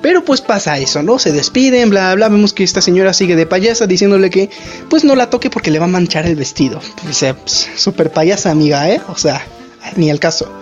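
A woman's voice: fairly low pitch, expressive, a little fast, highs cut off, soft background music. A woman with a Mexican accent, hosting a podcast and recapping an anime plot in a casual, sarcastic, slangy way. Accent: Mexican Spanish. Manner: slangy, sarcastic, filler-heavy retelling. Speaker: podcast host.

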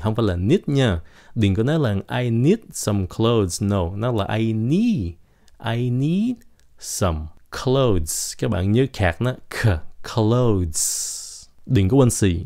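Low-voiced man teaching English pronunciation. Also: dark tone. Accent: Vietnamese. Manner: explains slowly and repeats words, switching between Vietnamese and English. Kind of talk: pronunciation lesson podcast.

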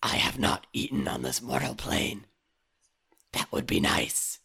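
A man doing a whispery, gravelly raven spirit. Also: mid-range voice, animated, pushed and bright, pitched below the performer's own voice, full character voice. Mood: solemn. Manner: slow, grave, formal speech. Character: eerie otherworldly raven spirit, hungry, solemn.

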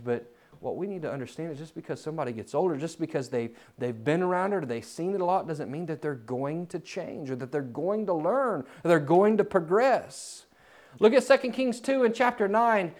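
Impassioned male preacher, rising and falling. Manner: swings from loud, climbing emphasis to low, quiet asides. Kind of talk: sermon. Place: church.

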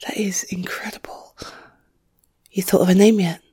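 A woman speaking in soft, hushed whispers, gently reassuring as she plays a visiting friend in an ASMR roleplay. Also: medium pitch, steady tone, normal speed, breathy edge. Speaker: ASMR creator.

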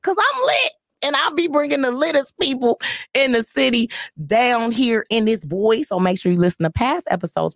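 A woman hosting a comic podcast in a studio, joking and animated, often jumping into high-pitched bits. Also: dry recording. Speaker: podcast host.

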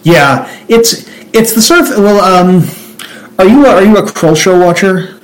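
A man's voice: high-pitched, lively intonation, unhurried, low-quality recording. A young man from Central New Jersey in a casual chat, talking in a rambling way with many restarts. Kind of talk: casual conversation.

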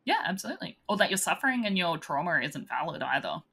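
Casual podcast co-host: woman, very animated pitch, bright voice, agreeable and quick to laugh. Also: vocal fry, breathy edge. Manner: lively, agreeable, laughs often. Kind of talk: casual chat.

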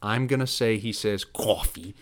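A man's voice: lowish voice, steady tone, moderate pace. A man, hosting a casual podcast, teasing and exclaiming often. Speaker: podcast host.

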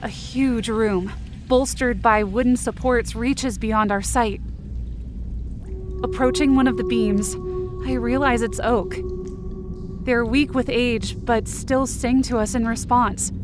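Speaking in a steady tone at a slow pace, this fairly high-voiced woman narrates a scripted audio drama in the first person, playing a frightened adventurer caught in a dark supernatural story. Her delivery is intense and full of suspense. A fiction podcast narrator and performer, she is backed by clearly audible dramatic music.

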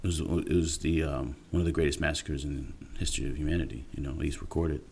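With a steady, darkish bass voice and some vocal fry, this man of Haitian and Dominican heritage talks quickly as an interview guest. He's earnest and informal, checking in with the listener through "right?" and "you know." There's a little hiss or hum on the recording.

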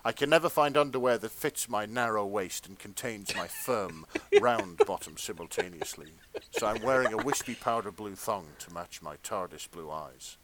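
A man's voice: lowish voice, fairly bright tone, a little hiss or hum, low-quality recording. A man hosting a comedy podcast, reading fan fiction aloud with mock seriousness. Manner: mock-earnest reading, breaking into laughter. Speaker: podcast host.

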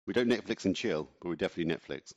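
A man's voice: low voice, animated, very fast. A man co-hosting a casual chat podcast, talking in a chatty, ranting way and laughing often. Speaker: podcast co-host.

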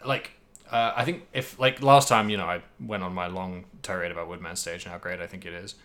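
A podcast host with a deep, steady, slightly bright voice talks a little fast as he rambles casually about video games. He hedges and thinks aloud as he goes.

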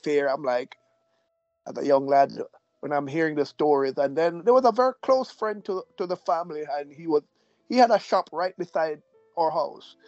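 A man from Jamaica with an announcer-like voice, telling his life story as a guest in a measured, gently humorous way. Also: a little high, dry recording, soft background music. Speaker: guest, deacon. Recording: dull, dry audio.

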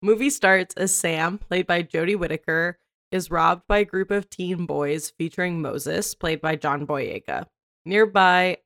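Low-voiced laughing woman podcast host. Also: no room sound, clean studio sound. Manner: laughs often, relaxed, uses filler like. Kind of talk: casual podcast chat and plot recap.

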